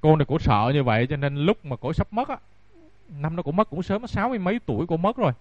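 A man's voice: a little high, expressive, fast talker, dry recording. A man, a Buddhist monk giving a dharma talk and telling stories directly to his listeners. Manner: storytelling, addresses audience directly. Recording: dull dry lo-fi recording.

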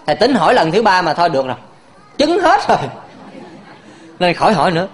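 Playful high-voiced monk giving a sermon. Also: male voice, expressive, rapid-fire, some chatter behind. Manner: playful, laughing, addresses audience with questions. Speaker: Buddhist monk teacher. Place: temple hall with audience.

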